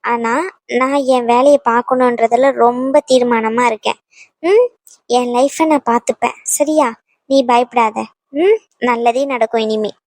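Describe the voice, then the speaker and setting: A woman voicing a caring sister-in-law who reassures a young pregnant woman and gently urges her to eat. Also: a little high, a little slow, no echo, close to an everyday voice. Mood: reassuring.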